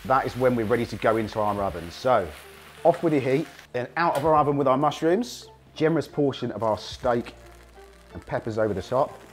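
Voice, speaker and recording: A man hosting a casual cooking demonstration, hoarse from a cold, chatting enthusiastically to viewers as he cooks. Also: medium pitch, lively intonation, brisk, soft background music. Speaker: cooking show host.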